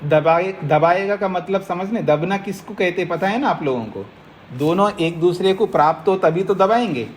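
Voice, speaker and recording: Hindi-speaking male teacher, slow explaining lecture. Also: sits high, expressive, a little hiss or hum. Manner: explains slowly, keeps checking the listeners follow. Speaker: teacher of Nyaya philosophy, swami. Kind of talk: Hindi scripture lecture to a class.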